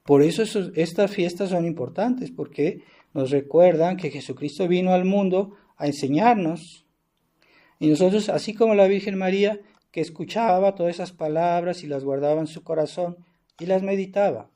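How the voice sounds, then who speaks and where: His voice is high-pitched but dark in tone, and he speaks at a normal speed as he preaches. The man is a Mexican priest, earnest and insistent, who often restarts and adds rhetorical "¿verdad?" tags.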